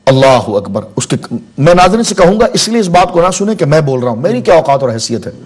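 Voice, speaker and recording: Man, forties, studio interview guest, raised pitch, measured teaching tone, storytelling examples. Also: big pitch swings, breathy edge. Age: 40s. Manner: measured, explains with examples and anecdotes. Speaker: religious scholar guest.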